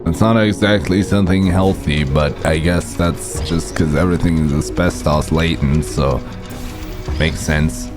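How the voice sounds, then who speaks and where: A man with a rough morning voice giving halting, unsure commentary while he plays a game. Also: extremely low pitch, steady tone, music in the background. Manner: halting, unsure, lots of fillers. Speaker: gamer.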